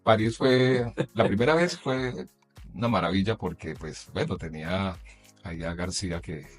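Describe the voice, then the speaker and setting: Low-voiced Colombian journalist telling stories. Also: male voice, moderate pace, soft background music. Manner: animated anecdotes with frequent laughter. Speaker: journalist and announcer. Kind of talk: casual interview storytelling.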